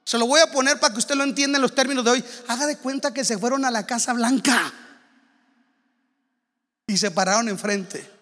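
High, bright-voiced impassioned preacher. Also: male voice, a little fast, long pauses, in a large hall. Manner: impassioned, shouting exhortations, swinging from loud to hushed. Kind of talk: sermon.

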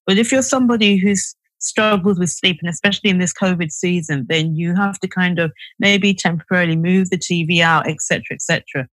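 A woman's voice: on the low side, fairly quick, hardly any pauses, fairly bright tone, no echo, low-quality recording. A woman psychiatrist from the UK, a podcast guest giving advice, explaining in a chatty way with many fillers and restarts. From United Kingdom. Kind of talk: podcast interview.

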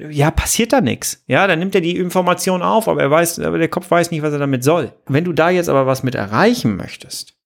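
A man's voice: a little high, gravelly. A man hosting a motivational podcast, talking earnestly and coaching the listener directly. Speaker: podcast host.

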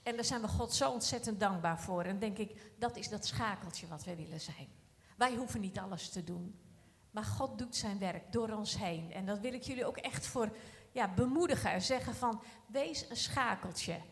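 A woman's voice: mid-range voice, moderate pace. Earnest woman encouraging a church. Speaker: church speaker. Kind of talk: exhortation in church. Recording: long church-hall reverb.

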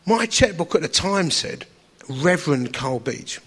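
A man's voice: a little high, animated, a little slow, a bit bright, husky. A man with an Essex accent preaching through personal anecdote in a chatty, wry, self-deprecating storytelling manner. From Essex, England. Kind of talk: anecdotal sermon to an audience.

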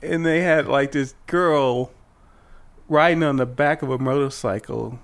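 A man's voice: medium pitch, measured pace, vocal fry. A man co-hosting a podcast, laid-back and giggly in casual banter. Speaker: podcast co-host.

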